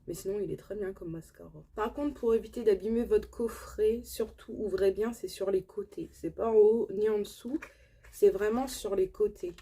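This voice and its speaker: A French-accented woman talks through her latest beauty purchases in a relaxed, chatty way, pausing often with fillers. Her voice is mellow and slightly husky. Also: mid-range voice. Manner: chatty, filler-heavy, enthusiastic about products. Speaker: beauty vlogger. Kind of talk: casual haul chat to camera.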